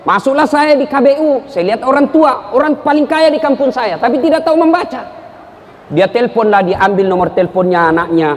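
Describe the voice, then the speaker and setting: Man preaching, very high voice, lively storytelling, long hall reverb. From South Sulawesi, Indonesia. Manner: animated storyteller, acts out characters, jumps between high and low pitch. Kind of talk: humorous sermon with anecdotes. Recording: hall reverb, faint noise.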